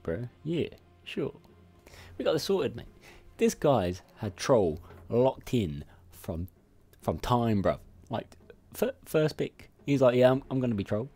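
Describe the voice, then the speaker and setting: A man's voice: medium pitch, warm tone, breathy edge. A man giving casual, sweary, nervous commentary on his own gameplay. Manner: nervous, sweary, chatty self-talk. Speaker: gamer.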